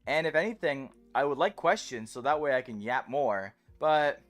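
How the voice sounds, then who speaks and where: Chatty, animated man rambling on livestream. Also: medium pitch, normal speed, faint music behind. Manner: chatty, self-described yapper who keeps talking. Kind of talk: casual rambling livestream chat.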